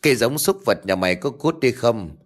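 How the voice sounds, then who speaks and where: A man's voice: medium pitch, expressive, normal speed, faint music behind, natural voice. A man voicing a brutal soldier guard who barks insults at villagers. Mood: contemptuous. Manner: barking insults.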